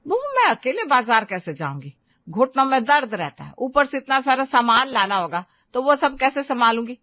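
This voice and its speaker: Nagging elderly mother-in-law for a cartoon moral story, shrill and scolding, played by a woman. Slightly muffled dry recording. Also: very animated, normal speed, no room sound.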